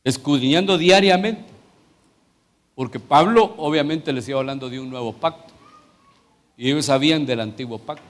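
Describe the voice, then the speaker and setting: A middle-aged man with a Salvadoran Spanish accent, a pastor teaching a sermon in a conversational way that turns into fervent prayer. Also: on the high side.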